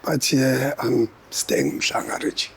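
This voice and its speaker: An older South African man, founder and chairman of a company, speaking in a slow, halting way. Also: medium pitch, steady tone, husky. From Umlazi, South Africa.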